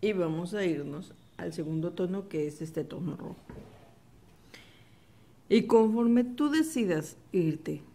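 Slow, calm woman teaching embroidery. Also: deep voice, slight background noise. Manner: calm step-by-step instruction, repeats the steps softly. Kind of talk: slow, patient craft tutorial.

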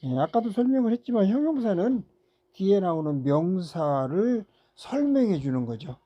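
An English teacher giving a recorded grammar lecture, patiently repeating words, pausing on fillers and asking rhetorical questions. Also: medium pitch, very animated, lo-fi sound. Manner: frequent "ja" fillers between steps.

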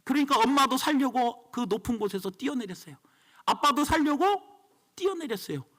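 A pastor preaching with emphatic, storytelling force. His voice sits unusually high for a man and moves in a lively way, with a bright, forceful edge. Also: fairly quick. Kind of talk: sermon.

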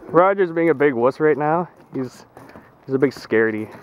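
A man's voice: fairly high pitch, lively intonation, a little slow, dull audio. A young man chats casually while hosting a vlog from behind a handheld camera in the open air. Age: young adult. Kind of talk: casual chat. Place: open foggy lakeside, outdoors. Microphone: handheld camera mic. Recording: outdoor camera with background noise.

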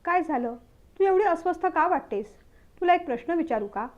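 A woman reading the part of a young newlywed husband who is short-tempered but caring, snapping when irritated and going soft when he apologizes. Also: very high-pitched, expressive, brisk, lo-fi sound. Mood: gentle, apologetic.

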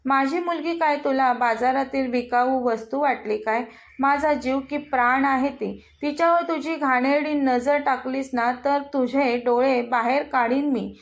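A woman's voice: high voice, fairly even intonation, a little slow, creaky. A woman reading an angry schoolmaster father. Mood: furious. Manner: angry, indignant. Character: protective middle-aged schoolmaster father, hot-tempered. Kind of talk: storybook reading.

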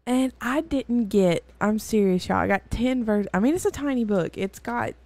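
A woman's voice: fairly high pitch, normal speed, a little mellow, no room sound. A weary woman hosting and giving a casual, rambling Bible lesson, full of fillers and self-corrections. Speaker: host and Bible teacher.

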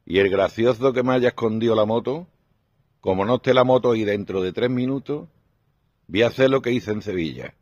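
A man's voice: mid-range voice, a little fast, dry recording, highs cut off, voice pushed up, lightly acted. A man voicing a cocky male biker who makes boastful threats to a room. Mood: threatening.

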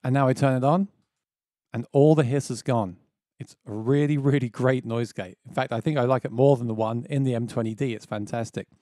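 Brisk and warm, with fairly even intonation, this man in his thirties guides listeners step by step through a casual music gear tutorial, clearly enthusiastic. He calls his own voice quite low, and he records in a small home studio on a dynamic mic on a boom close to his face, with no room sound.

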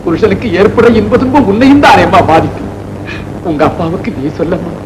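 A man's voice: very high voice, measured pace, reverberant, noisy background. An actor playing an aging father ruined by debt, pleading and lamenting in old film style. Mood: indignant. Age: older. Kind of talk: 1960s film acting. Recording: old film soundtrack with music.

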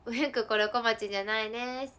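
A woman game streamer talks casually to her viewers as she plays. Her voice sits a little high. She laughs a lot and now and then blurts out a loud cry. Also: fairly even intonation, a little fast. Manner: chatty, laughing often, with sudden loud outbursts. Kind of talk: casual live-stream chat while gaming.

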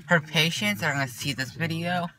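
A teenage young man chatting casually and loopily, rambling in an excitable way into a handheld phone. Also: a little high, normal speed, over music. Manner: giddy, loopy, excitable. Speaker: patient filmed after wisdom teeth surgery. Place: inside a car, later rooms in a house. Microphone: phone at arm's length. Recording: noisy handheld phone recording.

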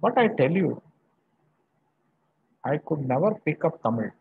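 Speaking from a small indoor room, a university professor from Varanasi in northern India teaches students online in a husky, fairly high male voice. He is very animated and emphatic, breaking his speech into short, halting, repeated phrases. Audio comes through as muffled, dull video-call sound.

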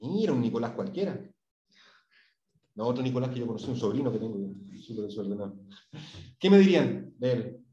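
A man with a Chilean Spanish accent drills pronunciation and asks questions while teaching an English class. He is animated and brisk but pauses often, with a warm, medium-pitched voice. The audio is dull, the room echoey, and the mic far off.

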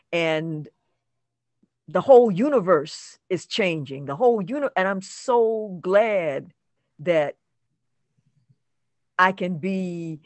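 An older actress, interviewed as a guest over a video call, reflects in a conversational way, halting and repeating words for emphasis. Her voice is fairly low in pitch, with no room sound.

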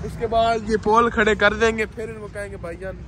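With a crowd audible behind him, a young Pakistani man casually explains the construction work on a rooftop to his viewers. His high-pitched, fairly even voice runs a little fast in Punjabi-accented Urdu, recorded on an arm's-length phone camera amid outdoor noise.

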